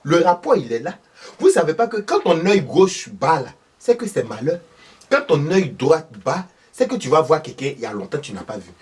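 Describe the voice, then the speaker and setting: Comedy role: a man playing a husky, fiery older Ivorian mother, high and very lively, from a distant mic. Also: moderate pace, exaggerated voice. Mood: insistent. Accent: Ivorian French. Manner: loud, insistent, exclaiming.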